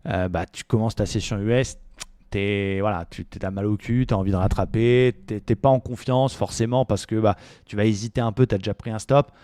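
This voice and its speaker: Low-voiced man talking trading, casual. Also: no echo, clean studio sound. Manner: relaxed, chatty, frequent fillers, slangy asides. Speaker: trading educator. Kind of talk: casual market analysis video.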